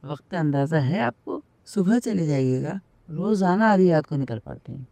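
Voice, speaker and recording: A woman's voice: low-pitched, expressive, moderate pace, creaky, warm tone, dry recording. An actress dubbing a suspicious wife who reproaches her husband for going out at night. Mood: reproachful. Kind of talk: dubbed film acting.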